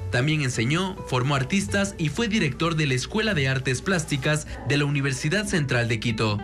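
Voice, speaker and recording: Casual: male news reporter, animated sing-song read, music bed behind. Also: on the high side, normal speed. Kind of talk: scripted news narration.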